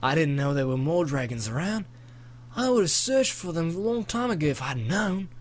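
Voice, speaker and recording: A good-natured storybook dragon drawls "mate" in a put-on Australian accent, as a man reads him. His voice bounces up and down and sits a little high for a big beast. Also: big pitch swings, moderate pace, slight background noise. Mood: friendly. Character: friendly old male dragon, chatty, Australian-sounding. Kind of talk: amateur audiobook character voice.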